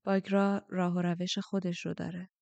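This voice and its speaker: A woman voicing a powerful, commanding man who speaks quietly and with control in an audiobook. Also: fairly low pitch, level tone, creaky, no echo, lo-fi sound. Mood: tense.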